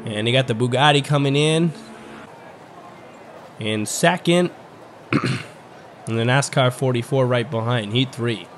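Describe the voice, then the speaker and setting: A man's voice: mid-range voice, measured pace, pauses often. Scratchy-voiced man calling toy car races. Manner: swings from calm explaining to excited shouting on crashes. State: scratchy voice from a recent illness. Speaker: race commentator. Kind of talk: diecast race commentary.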